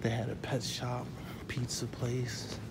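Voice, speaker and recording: A man's voice: mid-range voice, level tone, takes it slowly, gravelly, heavy background noise. A middle-aged man walking through an empty indoor mall, casually recalling the stores that used to be there, recorded on a handheld phone. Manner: reminiscing, pointing out old stores. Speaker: vlogger touring a closed mall. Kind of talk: casual walking tour narration. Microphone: handheld phone camera.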